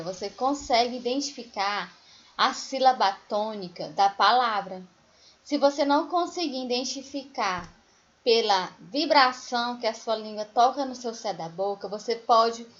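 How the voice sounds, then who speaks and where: A female primary school teacher records a remote lesson for children, explaining patiently and singing example words slowly. Her voice is a little high, and the audio sounds dull.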